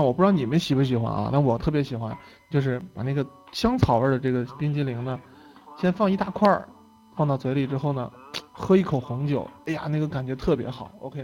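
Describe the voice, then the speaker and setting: A man's voice: mid-range voice, quick pace, a little mellow, highs cut off, soft background music. A young man giving a lecture in a casual storytelling way. He talks in a chatty manner, laughs often and tags his phrases with "OK" and "right?". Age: young adult.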